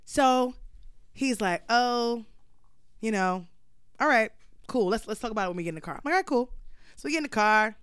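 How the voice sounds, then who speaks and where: Animated young woman telling a story, smooth voice. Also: fairly high pitch, a little fast, long pauses, no echo, clean studio sound. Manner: animated storyteller acting out dialogue, blunt and profane. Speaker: podcast co-host telling a story. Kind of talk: casual chat.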